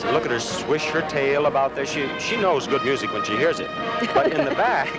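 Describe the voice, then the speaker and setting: A man commentates on a parade for television in a folksy, descriptive way. His voice is mid-pitched, and loud music plays behind him on the old broadcast. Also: low-quality recording.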